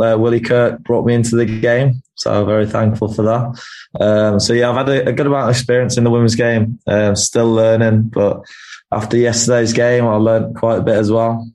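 Man, analyst guest, flat even tone, easygoing with ums. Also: mid-range voice. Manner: easygoing with fillers. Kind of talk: casual podcast chat.

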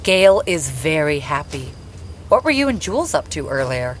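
A woman's voice: sits low, very animated, normal speed, slight background noise. A woman playing a gushing romantic wife. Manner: gushing, enthusiastic. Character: excitable romantic young wife.

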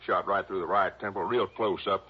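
A stubborn small-town chief of about fifty with a rural American accent. The voice is husky and lowish, drawling and stumbling over words with total certainty. It sounds like a dull old radio drama. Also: male voice, fairly even intonation, moderate pace. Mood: cocksure. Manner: drawling, stammering, cocksure.

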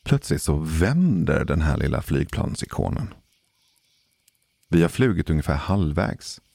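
A man telling a personal story in a casual, measured way, pausing for suspense. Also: very deep voice, big pitch swings, vocal fry, a little mellow, no room sound. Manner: measured, deliberate pauses for suspense. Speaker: podcast storyteller.

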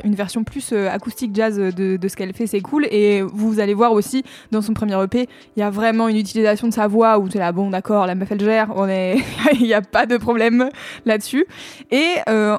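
A woman's voice: fairly high pitch, a little mellow, no echo. A woman co-hosting a music show, chatting casually with lots of fillers and slang.

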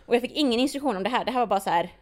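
A woman's voice: fairly high pitch, lively intonation, a little mellow. A young woman, telling a story in casual podcast chat, full of fillers and acted-out reactions. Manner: chatty storyteller, filler-heavy, acts out her own reactions.

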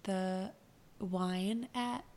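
A woman's voice: mid-range voice, fairly even intonation, drawn-out words, a little mellow. A woman co-hosting a podcast, chatting casually in a playful, teasing way. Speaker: podcast co-host. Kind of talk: casual chat.

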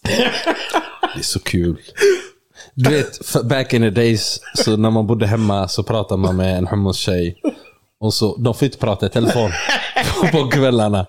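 A young man in relaxed banter with a friend, voice often breaking into laughter. He talks in slang and acts out the lines of the people he describes, keeping the mood loose and playful. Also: fairly low pitch. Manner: laughs often, slangy, animated storytelling with mimicked quotes. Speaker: podcast co-host. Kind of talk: casual banter between friends.

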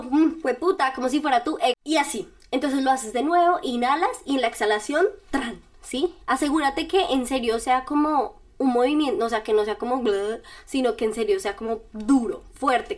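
A woman podcast host giving casual step-by-step self-help directions, speaking straight to the listener in a chatty, informal way. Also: fairly high pitch. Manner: chatty and informal, with little laughs.

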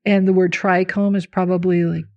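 A woman's voice: fairly low pitch, level tone, moderate pace, lo-fi sound. A woman hosting a podcast about herbalism, explaining plants and teachers in an informal, talkative way. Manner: warmly explanatory, informal, with fillers. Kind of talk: casual podcast chat.

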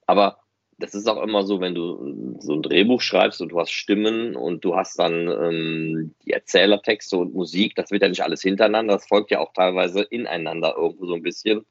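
Deep-voiced and brisk, this fan-podcast co-host casually explains things about a hobby production in conversation. It's a close, dry recording, a touch dull, with no audible room.

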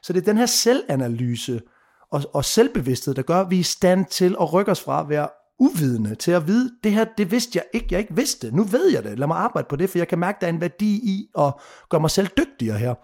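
A man's voice: high-pitched, sing-song, a little mellow. A man in his thirties talking passionately in a casual podcast conversation, emphatic, swearing freely and dropping English phrases. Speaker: mentor and guest.

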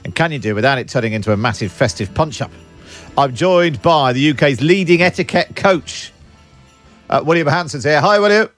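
Quick-talking male host in casual chat. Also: a little high, expressive, fairly bright tone, soft background music.

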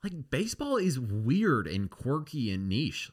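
A man co-hosting a sports podcast, giving relaxed, wry opinions in casual chat. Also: mid-range voice, unhurried. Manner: relaxed, wry, short replies. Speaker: podcast co-host.

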